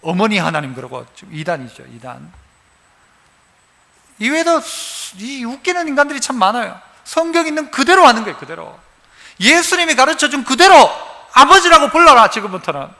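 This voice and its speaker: A male pastor giving a sermon, animated, asking the congregation questions as he preaches. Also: very high-pitched, brisk. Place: church sanctuary. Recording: reverberant church hall.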